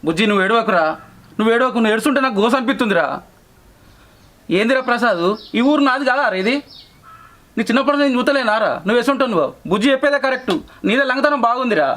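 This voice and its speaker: A man's voice: very high voice, lively intonation, rapid-fire, a bit bright. A man playing a stern village elder. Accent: Telangana Telugu. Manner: firm, scolding, mediating. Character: stern village elder mediating a family quarrel. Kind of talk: short film drama acting.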